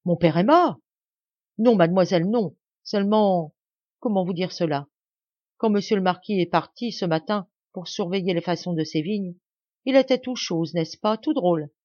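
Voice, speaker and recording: A woman reading the lines of an excited, flustered male servant, in a slightly dull, dry recording. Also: lowish voice, moderate pace, dry recording, natural voice. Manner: breathless, excited.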